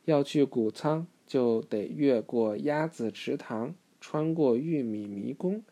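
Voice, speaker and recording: Woman, reading aloud to a child, very low pitch, dark mellow tone, gentle, patient. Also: slow pace. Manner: gentle, patient, soft-spoken asides. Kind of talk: reading a picture book aloud.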